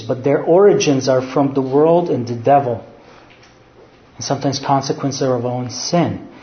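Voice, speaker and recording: Preaching in an echoey room on a lo-fi recording, a medium-pitched man from Serbia speaks with a Serbian accent. His sermon is earnest teaching built on rhetorical questions, which he then answers.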